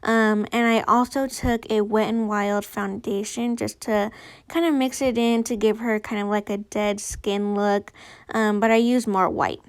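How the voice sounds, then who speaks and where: A woman's voice: mid-range voice, fairly even intonation, a little slow, smooth. A woman with a noticeable lisp from a retainer, narrating a makeup tutorial in a casual, chatty, informal way. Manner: chatty, informal, girlfriend-to-viewer talk.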